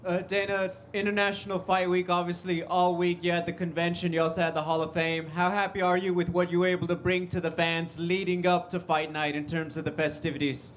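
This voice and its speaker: A man's voice: high-pitched, level tone, a little fast, hardly any pauses, a little hiss or hum. A man asking a press conference question, rambling and rephrasing it. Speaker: reporter.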